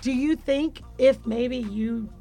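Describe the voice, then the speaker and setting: Gravelly-voiced woman radio host. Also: high voice, slow, dark tone, faint music behind. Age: early 30s. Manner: probing, rambling questions with restarts. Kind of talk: radio interview talk. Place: radio studio.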